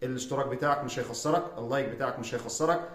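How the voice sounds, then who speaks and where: A man's voice: medium pitch, very fast, fairly bright tone. A man teaching English in Egyptian Arabic, chatty and upbeat, often checking in with his listeners. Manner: upbeat, chatty teacher who repeats "tamam?". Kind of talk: friendly explainer lesson. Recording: echoey room.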